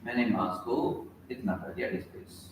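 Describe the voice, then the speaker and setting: A man teaching physics in a classroom lecture, asking his students questions and dictating formulas slowly. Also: on the low side, steady tone, slight background noise. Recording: echoey room, heard from a distance.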